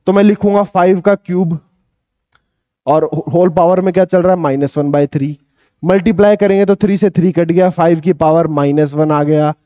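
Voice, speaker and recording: A young man teaching a maths lesson in an energetic, coaxing tutoring style, repeating questions back to his students and calling himself their big brother. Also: sits high, no echo. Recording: dull, slightly lo-fi dry recording.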